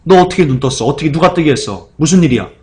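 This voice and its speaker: A man's voice: a little high, lively intonation, fast talker, darkish tone, natural voice. A man voicing accusing, suspicious Pharisees. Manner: accusing, interrogating. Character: suspicious, hostile male Pharisees interrogating.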